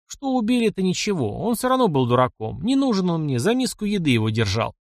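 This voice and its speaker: A man voicing a terrified, bearded bandit who begs hoarsely for his life. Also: sits high, sing-song, fast talker, dry recording, clean studio sound, pitched above the performer's own voice, exaggerated voice. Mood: desperate pleading. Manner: pleading, hoarse. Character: beaten bearded male bandit, groveling and terrified.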